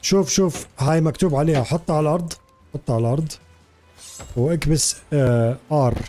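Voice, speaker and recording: Jordanian man streaming with mellow voice. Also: on the high side, racing, soft background music. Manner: playful, boastful banter switching between English and Arabic. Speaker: game streamer. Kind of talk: casual live-stream chat.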